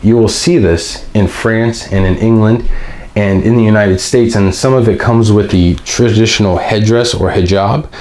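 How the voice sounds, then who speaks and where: A man reading a text aloud and commenting on it, halting often with pauses and restarts, and reading slowly and deliberately. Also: fairly low pitch, steady tone, darkish tone. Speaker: video host.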